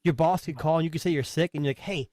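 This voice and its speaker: A man co-hosting a casual podcast, telling jokey stories with deadpan teasing. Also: fairly high pitch, racing, dry recording. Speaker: podcast co-host.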